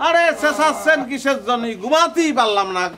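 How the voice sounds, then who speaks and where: A whiny, lazy grown son. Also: male voice, very high voice, animated, brisk, noisy background. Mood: complaining. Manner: whiny, defensive complaining.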